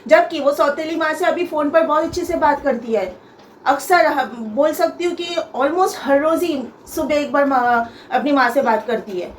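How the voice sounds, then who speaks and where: Aggrieved high-voiced woman in an echoey room. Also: normal speed. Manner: aggrieved, emphatic, repeats herself with many hesitations. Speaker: vlogger. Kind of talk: personal storytelling vlog. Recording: echoey room with faint ambient noise.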